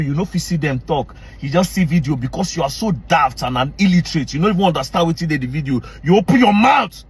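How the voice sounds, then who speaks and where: A man's voice: a little high, slightly rough. A man with a Nigerian accent delivering a heated, confrontational rant to camera, mixing Pidgin into his English. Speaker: online commentator.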